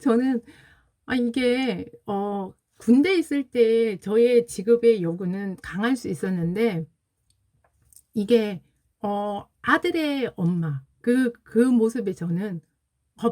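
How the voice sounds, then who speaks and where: A woman's voice: mid-range voice, slow, warm tone. A woman in her forties hosting a casual livestream, telling an emotional personal story in an earnest way and greeting viewers as they join. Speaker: livestream host.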